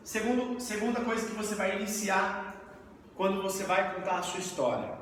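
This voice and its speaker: A man in his thirties from Brazil, giving a lively live training talk and asking the audience questions. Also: high voice, moderate pace. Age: 30s. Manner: energetic, asks the audience questions. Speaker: network marketing trainer. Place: event room with audience. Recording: echoey hall, mic far off, faint hiss.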